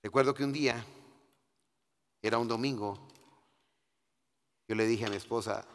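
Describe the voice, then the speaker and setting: A middle-aged man gives a sermon testimony, moving from hushed, confiding talk to loud, emphatic preaching while repeatedly addressing his listeners as brother. His medium-pitched voice moves at a normal speed, and the sound is that of a big room.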